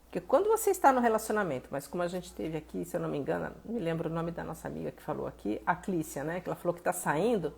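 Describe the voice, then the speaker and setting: A Brazilian woman therapist talking casually on a live stream, reading out viewers' messages and answering them with animated, acted-out exclamations. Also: on the low side, racing, gravelly, husky. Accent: Brazilian Portuguese. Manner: animated, conversational, reads viewer messages aloud and acts out exclamations.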